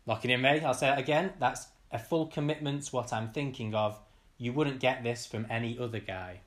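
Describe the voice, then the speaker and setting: A man's voice: medium pitch, normal speed. A man hosting a casual quiz, reading each question out and repeating it. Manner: upbeat, reads questions twice. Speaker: quiz host.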